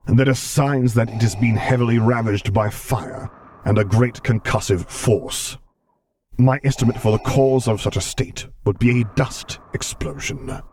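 A man voicing a menacing masked dark lord who speaks in a clipped tone of restrained fury through a vocoder. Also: low-pitched, lively intonation, slow pace, slight background noise.

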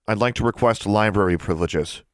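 A defiant young girl talks back firmly and stubbornly, read by a male narrator in his own deep voice. The lines come plain and measured in a dry, close recording. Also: no echo, natural voice.

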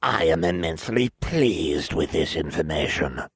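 A man voicing a cold, imperious male dark lord in an audiobook, speaking in slow, clipped commands. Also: very deep voice, lively intonation, husky, dry recording, clean studio sound, full character voice. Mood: commanding. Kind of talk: audiobook character voice.

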